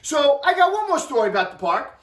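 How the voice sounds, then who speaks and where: High-voiced man telling animated stories. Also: a little fast. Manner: lively, exaggerated, sound effects, talks straight to viewers. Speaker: storyteller vlogger. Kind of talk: animated personal storytelling. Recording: roomy, distant mic.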